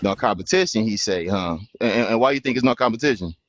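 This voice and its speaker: A man's voice: on the low side, expressive, fast talker. A young man hosting a livestream panel, talking casually and argumentatively, full of slang and "bro". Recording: dull lo-fi stream audio.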